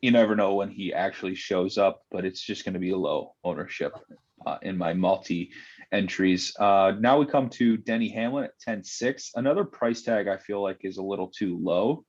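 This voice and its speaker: A man with a lowish voice co-hosts a casual fantasy sports podcast. He steers the chat steadily, asking his partner about picks. The audio sounds dull and lo-fi. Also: normal speed. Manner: steady, leads the discussion with questions. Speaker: co-host, fantasy sports analyst.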